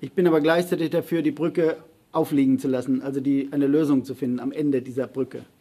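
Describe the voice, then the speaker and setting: A man on a panel answering audience questions in a public debate, arguing emphatically and often pausing on fillers and restarts. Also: medium pitch, steady tone, dark tone, husky.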